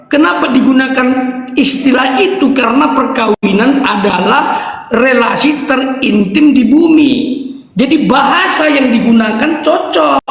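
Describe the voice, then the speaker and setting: A man's voice: very high-pitched, creaky. A man, a pastor, preaching a rebuttal in an emphatic, mocking, argumentative way. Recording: echoey hall reverb.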